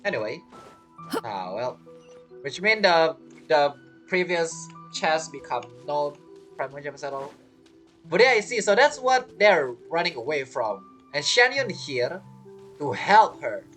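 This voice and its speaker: Over game music, a gaming creator gives relaxed commentary sprinkled with muttered, informal asides. The medium-pitched, slightly bright voice is very animated yet unhurried.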